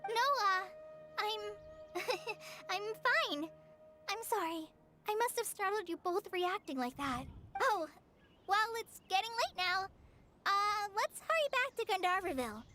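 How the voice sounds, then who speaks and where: A woman's voice: very high voice, very animated, measured pace, sharp tone, full character voice. A woman voicing a shy, kind young female forest ranger in a video game who often hesitates and stammers. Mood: flustered. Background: game music.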